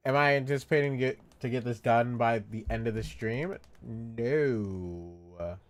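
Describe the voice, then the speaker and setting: A man's voice: mid-range voice, measured pace. A tired man chatting casually on a live stream, rambling and repeating himself while he draws. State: sleepy, yawning. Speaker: vtuber streamer.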